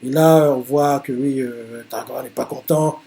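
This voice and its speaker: A man's voice: medium pitch, fairly even intonation, normal speed, creaky, warm tone. A man reacting live to a manga chapter, narrating the panels with many hesitant fillers.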